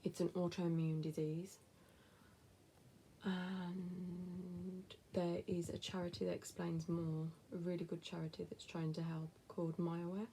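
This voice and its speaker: A woman in her thirties from England, with a West Midlands accent, chats casually to camera while answering viewer questions, blunt and dropping whispered asides. Her voice is fairly low and dark, with little pitch movement and a measured pace. A faint hiss or hum sits in the background.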